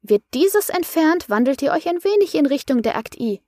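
A woman reading an audiobook voices a calm female coach who soothes and explains. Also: high-pitched, normal speed, no echo, pitched above the performer's own voice. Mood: lecturing.

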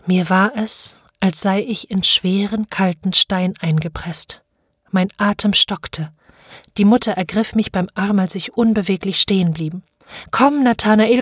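A woman narrating an audiobook of classic literature with measured, dramatic storytelling. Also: medium pitch, no echo, studio quality.

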